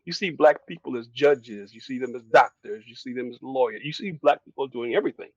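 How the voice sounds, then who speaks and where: An older man from Detroit, a guest who reflects on his upbringing in an unhurried, storytelling way, with frequent chuckles. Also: medium pitch, slightly rough, no room sound, dull audio. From Detroit, USA. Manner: reflective storyteller, chuckles often, restarts phrases. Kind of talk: relaxed career interview.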